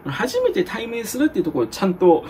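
A man in a tutor's role walks students through exam grammar in a casual, joking way. His voice sits fairly high and swings widely in pitch. A faint hiss stays under his talk. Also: wildly swooping pitch, a little mellow. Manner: casual, joking asides, reads English examples slowly. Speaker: exam prep English tutor. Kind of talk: explaining grammar answers to students.

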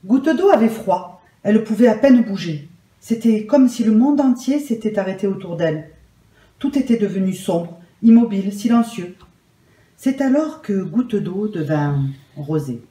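A woman reads a story aloud in a calm, measured way. Her voice is mellow and warm, with mid pitch. The recording has a roomy echo. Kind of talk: gentle read-aloud storytelling.

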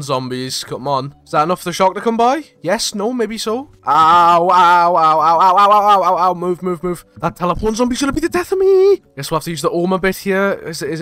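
A young man giving chatty live gameplay commentary, excitable and bursting into panicked yells. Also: on the high side, no room sound. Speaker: gaming YouTuber.

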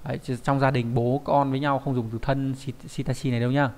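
A young adult man leads a vocabulary lesson in a patient, explanatory way. His voice sits at an ordinary middle pitch. He keeps checking in with his students through little rhetorical questions. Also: flat delivery, fast talker, darkish tone. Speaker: Japanese language teacher.

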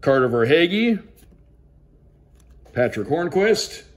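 His voice is on the high side and sing-song, and he takes his time. The speaker is a hockey play-by-play broadcaster opening cards, casual and upbeat, calling names in announcer fashion.

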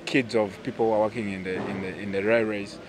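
Speaking fast in a lowish, flat voice, a national team goalkeeper and captain from Uganda, in his thirties, hesitates through casual interview questions with many fillers. He holds a handheld mic on a poolside terrace, with background noise and outdoor ambience around him.

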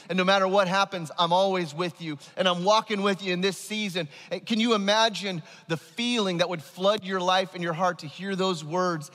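A pastor in his thirties preaches emphatically from a large church stage through a headset mic, his voice high-pitched and a bit bright. The large hall adds long reverb.

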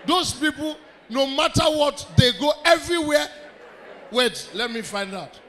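A man with a Nigerian accent doing stand-up comedy, loud and commanding as he works the crowd. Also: very high voice, animated, a little slow. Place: comedy club stage with live audience. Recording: live crowd, faint background noise.

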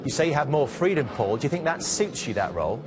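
A man working as a pitchside reporter, briskly asking long, detailed post-match questions. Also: big pitch swings. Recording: noisy background.

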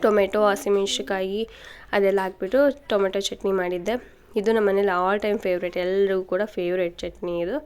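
A woman's voice: mid-range voice, steady tone, moderate pace, darkish tone, slight background noise. A woman in her thirties, a vlogger chatting casually to viewers while her voice is changed by a cold. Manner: chatty, talks to viewers directly. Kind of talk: casual home vlog narration.

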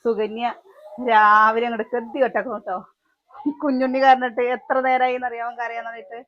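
A woman's voice: a little high, level tone, fairly quick, muffled recording. A woman with a Malayali accent chatting to the camera in her home kitchen, cooking breakfast and calling out to her children. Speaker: family vlogger, mother. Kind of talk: casual home vlog narration.

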